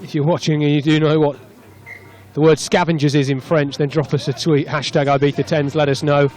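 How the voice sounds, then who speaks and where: A male commentator calling a rugby match live from an outdoor stadium stand, his voice sitting a touch high for a man. He chats easily between plays and lifts when the action opens up. Faint music plays somewhere behind him. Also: a little fast. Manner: chatty, rising excitedly on breaks. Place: open stadium stand in hot weather.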